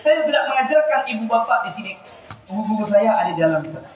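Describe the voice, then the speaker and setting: A male preacher giving a joking, animated sermon at a religious gathering, moving from quiet asides to shouted, chanted lines. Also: high-pitched, fast. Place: religious celebration gathering with a large crowd. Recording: very echoey crowd sound system with background noise.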